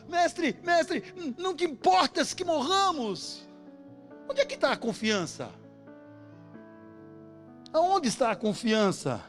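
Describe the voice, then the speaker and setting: A man with a Brazilian Portuguese accent preaching a sermon, telling a story and acting out the voices of its characters, building up to shouts. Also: very high voice. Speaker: pastor.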